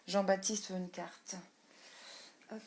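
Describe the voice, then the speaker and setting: A woman energy healer hosting a live stream, greeting viewers by name in a slow, gentle way, often laughing and dropping into soft whispers; she says her voice is low. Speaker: energy healer and meditation host.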